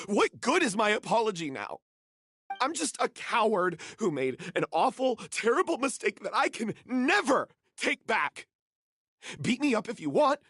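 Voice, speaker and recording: Husky guilty actor guy, bitter and self-blaming, dry close sound. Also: sits high, fairly bright tone, dry recording, heavily acted. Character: guilt-ridden young man, self-loathing actor. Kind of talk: video game voice acting.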